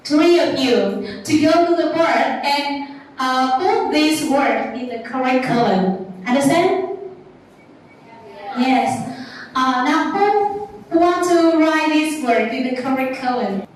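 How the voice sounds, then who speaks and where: A woman with a Vietnamese accent teaching an English class, speaking slowly and checking often that the students understand. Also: sits high, expressive, slight background noise. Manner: slow, repeats "understand?" and "right?" to check the class. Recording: echoey classroom from far off.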